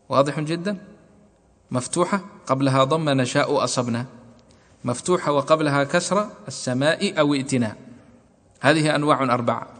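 A man teaching a classroom lesson on Quran recitation rules, methodically repeating points and asking and answering his own questions. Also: fairly high pitch. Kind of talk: classroom lesson explaining verse. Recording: long hall reverb.

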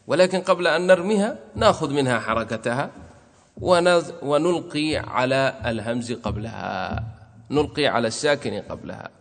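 A man teaches recitation rules at a mid-pitched, ordinary level, slowing down to chant each verse and example. He poses questions and answers them himself while his voice rings with a long reverb. It sounds like a lesson recorded in a large resonant space. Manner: recites verses slowly, then explains with repeated examples. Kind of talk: explaining a didactic poem line by line.

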